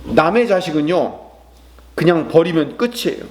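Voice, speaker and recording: A man's voice: fairly high pitch, animated, normal speed, a little mellow. A man preaching a sermon as pastor, acting out prayers and quotes, then asking the congregation questions and answering them himself.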